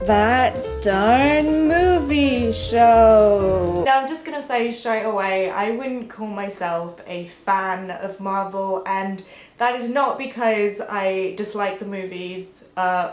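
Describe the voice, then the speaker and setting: A young woman vlogs from home, rambling casually with lots of "like"s and playful exclamations, sounding stuffed up from a sinus infection. Her medium-pitched voice moves slowly over background music, in a roomy, echoey recording.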